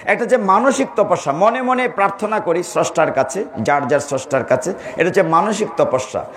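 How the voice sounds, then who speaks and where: Lively high-voiced preacher. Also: male voice, fairly quick, slight background noise. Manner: storytelling, asks the listeners questions and acts out quoted lines. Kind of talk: devotional sermon to a gathering.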